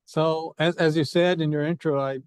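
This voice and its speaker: A man's voice: fairly high pitch, fairly even intonation, normal speed, darkish tone, clear, resonant tone, dry recording. A man in his fifties from Brazil, a veterinarian guest in a podcast interview, speaking conversationally and repeating words as he thinks.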